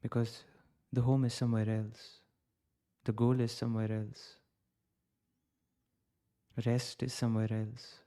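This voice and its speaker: A man from India, guiding a reflective contemplation in slow, short phrases with long pauses. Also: medium pitch, flat delivery, mellow. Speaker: contemplation guide. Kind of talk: guided contemplation.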